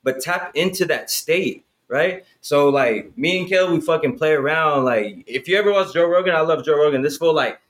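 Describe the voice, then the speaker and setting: A man's voice: fairly high pitch, animated, normal speed, hardly any pauses, a bit bright. A man in his thirties talking in a casual chat, profane and hyped, filling his talk with "bro" and "right?". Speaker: podcast guest.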